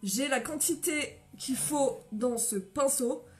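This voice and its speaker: Woman from France, high voice, runs a chatty live makeup tutorial, greets viewers by name, a little winded. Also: slow pace. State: coughing after a run.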